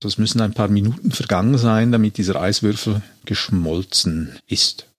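Man, low husky voice, lively storyteller in a chat, close and dry. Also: moderate pace, dry recording. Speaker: podcast co-host retelling a film. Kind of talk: casual chat, retelling a story.

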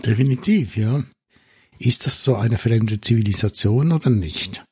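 A man in a relaxed casual chat, retelling scenes from a film. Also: fairly low pitch, measured pace, breathy edge. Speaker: podcast co-host.

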